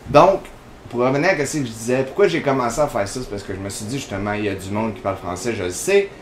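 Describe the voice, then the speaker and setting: A man's voice: medium pitch, animated, fast talker, echoey room, a little hiss or hum. A man with a Quebec French accent, hosting casual gameplay commentary in a chatty, rambling way full of fillers. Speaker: gaming channel host.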